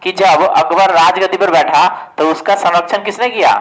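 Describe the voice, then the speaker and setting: A man coaching students for exams talks through history casually, answering his own questions and repeatedly saying "ठीक है". He speaks at a normal pace in a high-pitched, slightly bright voice, captured in a rough recording.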